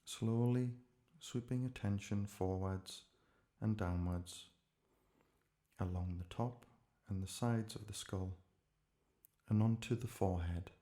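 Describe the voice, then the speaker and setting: A man with a fairly low pitch calmly leads a guided meditation for relaxation. His delivery is gentle and measured, with short phrases separated by pauses.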